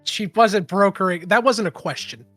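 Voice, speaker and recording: A man's voice: high-pitched, moderate pace, fairly bright tone, no echo, faint music behind. A man working as game master, narrating a tabletop roleplaying game.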